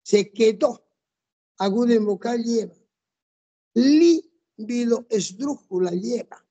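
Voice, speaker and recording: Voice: medium pitch, fairly even intonation, measured pace, dark tone, breathy edge, muffled recording. A teacher in a classroom, methodically walking students through rules step by step and quizzing them on the answers. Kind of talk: classroom lesson.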